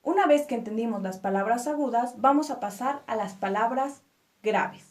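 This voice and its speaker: A woman teaching a spoken lesson, patiently breaking words into syllables and reassuring viewers with quick rhetorical questions. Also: a little high, darkish tone. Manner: patient, stresses syllables one by one.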